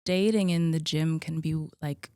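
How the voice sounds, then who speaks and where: A relaxed woman in her mid-thirties chats about herself in a loose, friendly way, her speech full of "like" and "um". Her voice sits a little low for a woman. The sound is dry and close, with no room echo. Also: moderate pace. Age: 30s. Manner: chatty, relaxed, many likes and ums. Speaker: podcast guest, gym co-owner. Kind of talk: casual conversational interview.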